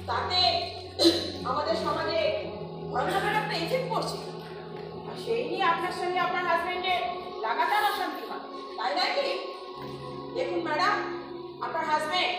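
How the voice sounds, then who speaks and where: Woman acting as a strict lady cop lecturing someone, high voice, far off in a big echoey hall w music behind. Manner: firm, admonishing, mixing in English phrases. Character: stern female police officer, lecturing calmly. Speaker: police officer. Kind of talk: stage play acting. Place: large hall stage.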